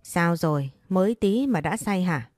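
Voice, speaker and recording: A woman voicing a blunt young best friend in a story reading, scolding and bossy in a soft, low tone. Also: lively intonation, a little slow, no room sound, studio quality.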